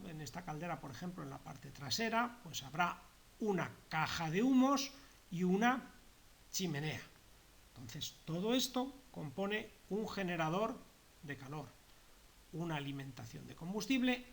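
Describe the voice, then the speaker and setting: Methodical instructor, higher-pitched man. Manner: methodical, repeats and rephrases terms, frequent "pues" and "etcétera". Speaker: heating course instructor. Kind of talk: technical lecture.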